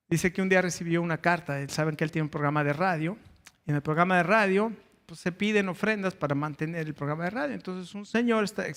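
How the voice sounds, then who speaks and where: A man delivers a sermon, his voice sitting notably high. He tells stories at length, pausing on fillers and restarting phrases as he goes. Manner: storytelling with frequent hesitations and restarts. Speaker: pastor.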